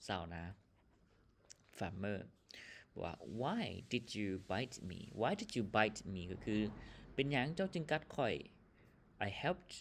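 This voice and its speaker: Lao guy teaching english, low voice, super slow and patient, says each phrase then translates it. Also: big pitch swings, a little hiss or hum. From Laos. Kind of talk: classroom English lesson.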